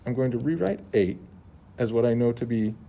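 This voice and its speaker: Briskly and with a creaky, mellow, medium-pitched voice, a male teacher works through math homework solutions in steps. The recording, made at a school, is slightly muffled by his face mask and carries faint background noise.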